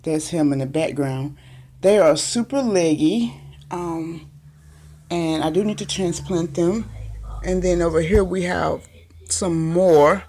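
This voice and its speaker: A woman's voice: lowish voice, slow pace, dark tone, a little hiss or hum. A woman giving a casual home video tour of her small greenhouse, chatty and meandering, with many ums, recorded on a handheld phone. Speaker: gardening vlogger. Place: small makeshift greenhouse, indoors.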